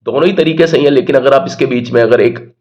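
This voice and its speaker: A man's voice: medium pitch, fast, darkish tone, lo-fi sound. Man, English grammar teacher, patient, repeats words, asks and answers himself. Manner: explains patiently, repeats key words, asks and answers his own questions. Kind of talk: Hindi-medium English grammar lesson.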